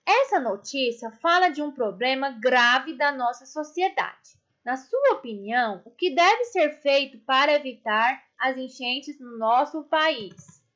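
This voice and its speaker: Brazilian woman, primary teacher, high and unhurried, affectionate with kids, muffled home recording. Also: expressive, fairly bright tone. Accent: Brazilian Portuguese. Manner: affectionate, drawn-out explanations for children. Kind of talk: online class lesson. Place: indoors, construction noise nearby.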